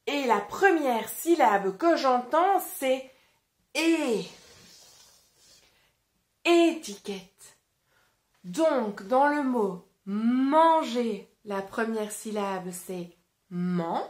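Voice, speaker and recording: Slow, animated French teacher woman. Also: on the high side. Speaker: teacher reading to children. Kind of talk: interactive storybook reading and phonics lesson. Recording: roomy echo.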